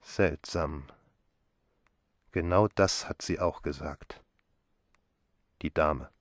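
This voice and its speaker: A man voicing a shy, respectful male police inspector with a hushed, timid way of speaking. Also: fairly low pitch, takes it slowly, dry recording, studio quality. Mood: awed.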